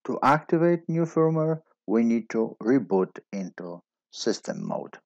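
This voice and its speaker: A man giving a steady step-by-step technical tutorial as a voice-over. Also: mid-range voice, measured pace, no room sound, muffled recording. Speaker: instructor.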